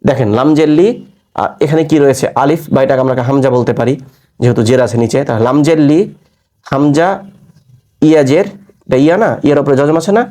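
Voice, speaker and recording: A man's voice: mid-range voice, fast, pauses often, warm tone. A man teaching Quran reading, spelling out syllables patiently and quizzing his listeners with rhetorical questions. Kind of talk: spelled-out recitation lesson.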